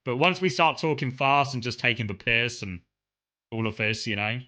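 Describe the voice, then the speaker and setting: A man with a soft southern English accent and a bright, forward voice at an average pitch. He chats casually like a streamer, rambling conversationally through anecdotes. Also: expressive, normal speed. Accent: southern English, mild. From Kent, south-east England. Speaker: streamer chatting with viewers.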